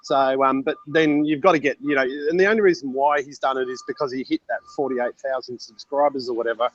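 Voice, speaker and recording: A man's voice: medium pitch, steady tone, fairly quick. An Australian man, a yowie researcher, chatting bluntly and swearing freely while telling stories from an airport lounge. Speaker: yowie researcher and group admin. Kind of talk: casual online hangout chat. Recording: lo-fi call audio.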